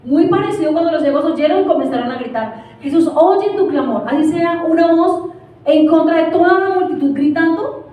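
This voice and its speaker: A woman's voice: sits high, darkish tone, very echoey, distant mic, poor audio. A woman pastor preaching a passionate sermon, asking the congregation questions. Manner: impassioned, asks the congregation questions. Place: church.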